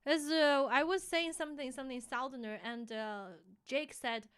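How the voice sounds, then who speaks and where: Bright, clear-voiced woman streamer. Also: high-pitched, steady tone, moderate pace, no room sound, clean studio sound. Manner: chatty and giggly, many fillers, musing over English words. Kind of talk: casual live-stream chat.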